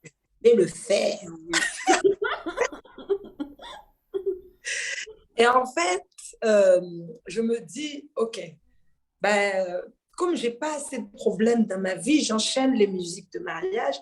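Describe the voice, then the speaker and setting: Lively storytelling woman from Mayotte. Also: a little high, slow. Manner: lively, laughing, acts out dialogue. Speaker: guest singer. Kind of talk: casual storytelling interview.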